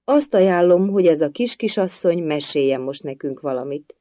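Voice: mid-range voice, lively intonation, dark tone, dry recording, close to an everyday voice. A storybook reader voicing a bored, wisecracking hare who teases everyone. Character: bored, teasing, sly hare.

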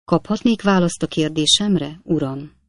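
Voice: medium pitch, dry recording, studio quality, natural voice. A reader voicing an insolent male army officer who is acting as a second in a duel. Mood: curt.

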